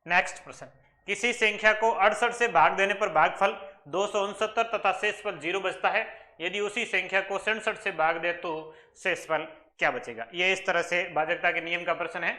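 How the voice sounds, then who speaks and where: A maths teacher from Rajasthan, India, with a high, bright, pushed voice speaks at normal speed in a steady tone. He walks through exam questions step by step for exam prep, asking and answering questions himself.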